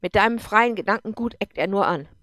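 A woman voicing a drunk, bitter man who talks loudly and with contempt, in an audiobook. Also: medium pitch, a little fast, no room sound, clean studio sound, natural voice. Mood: angry. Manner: loud, contemptuous, pushing. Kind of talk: audiobook character voice.

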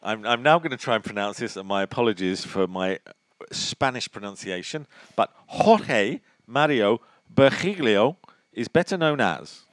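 A man's voice: fairly low pitch, expressive, moderate pace, hardly any pauses, a bit bright, dry recording. A man co-hosting a quiz in casual, jokey banter, teasing his partner as he goes. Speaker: quiz show co-host.

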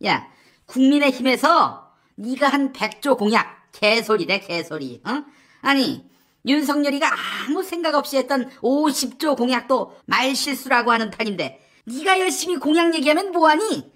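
A woman playing a sharp-tongued character who mocks and swears at an old political fixer in a satirical comedy sketch. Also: sits high, lively intonation. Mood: scornful. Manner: scornful, swearing, rapid-fire nagging.

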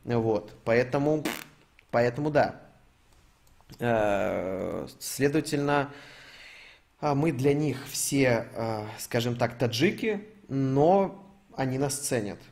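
A man's voice: medium pitch, lively intonation, takes it slowly, vocal fry, pauses often, a little mellow. A young man streaming, reading out donations and ranting in a casual, profane, rambling way. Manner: swears a lot, rambling with fillers.

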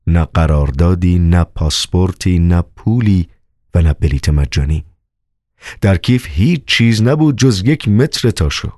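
A man narrating a novel as an audiobook in an expressive reading style. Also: low-pitched, no echo, clean studio sound. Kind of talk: scripted narration.

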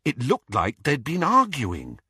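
A man voicing a bright young woman who talks breathlessly and with concern. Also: mid-range voice, wildly swooping pitch, measured pace, slightly rough, dry recording, clean studio sound, voice pushed up, full character voice. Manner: breathless, caring.

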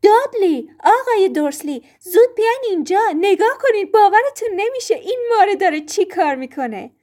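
A woman voicing a panicked boy who shouts frantically for others to come look. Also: big pitch swings. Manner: frantic, shrill calling out.

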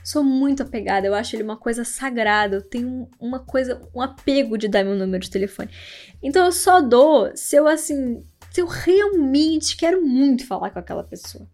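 High-voiced chatty young woman. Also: a little fast. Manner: chatty, animated, laughing, quotes people in raised voices. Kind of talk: casual storytelling to viewers.

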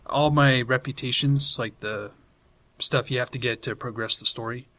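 A man's voice: mid-range voice, fairly even intonation, normal speed, sharp tone. A man from Britain, a podcast co-host chatting casually and enthusiastically about video games, rambling with lots of fillers. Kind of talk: casual gaming chat.

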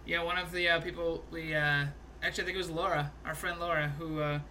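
A young man with a very bright, forward voice, pitched a little high, chatting eagerly about a film he loved. He tells scenes in a loose, animated way, with plenty of laughs and the odd curse. A faint hiss of noise sits under the recording. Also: quick pace. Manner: animated, swearing, laughs a lot, recounts scenes. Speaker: podcast co-host. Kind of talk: casual movie review chat.

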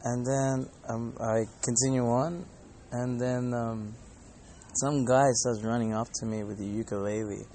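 A man's voice: mid-range voice, little pitch movement, measured pace, warm tone. A man talking casually and earnestly in a rambling, informal podcast style, telling stories and reflecting. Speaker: podcast host and Hare Krishna devotee. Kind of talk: casual spoken storytelling and reflection. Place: airport departure gate area. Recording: faint airport background noise.

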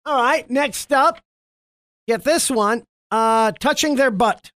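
A man's voice: very high voice, slow pace, a bit bright, no echo, studio quality. A man hosting a radio show, chatting casually and teasing his wife on the phone. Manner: joking, teasing, playful. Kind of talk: casual morning radio banter.

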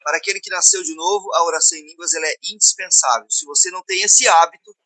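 A man's voice: fairly high pitch, steady tone, fast, bright, forceful tone, dry recording, rough recording. A man co-hosts a talk on prayer, teaching in an earnest, instructive way and tagging his phrases with "né".

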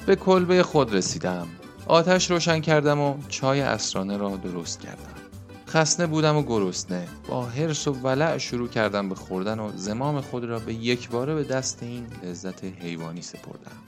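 Man narrating in a subdued, measured voice. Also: mid-range voice, expressive, soft background music. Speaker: audiobook narrator. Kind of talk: scripted narration.

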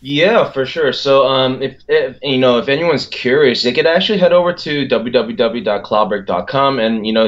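A man in his thirties from Philadelphia, a company executive chatting as a guest in an interview over a video call, relaxed and quick to laugh. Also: mid-range voice. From Philadelphia, United States. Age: 30s. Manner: laughs often, relaxed with fillers. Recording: dull lo-fi call audio.

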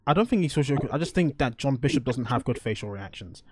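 A man's voice: mid-range voice, animated, quick pace. A man chatting casually as a podcast co-host, laughing often and restarting his sentences as he recaps an episode. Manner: laughs often, stumbles and restarts, acts out quotes. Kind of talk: casual chat reviewing a TV episode.

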